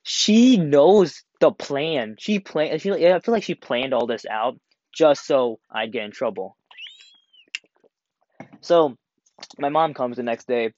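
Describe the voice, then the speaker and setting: A man's voice: mid-range voice, slow, long pauses, no room sound. Young guy doing a storytime, acts out everyone's lines, dry slightly dull audio. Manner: animated, acts out quotes, laughs while telling. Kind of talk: casual storytime about school.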